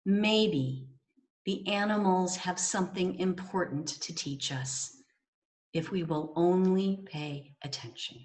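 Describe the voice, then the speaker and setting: A woman minister giving a sermon in a measured, gently wry way. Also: on the low side.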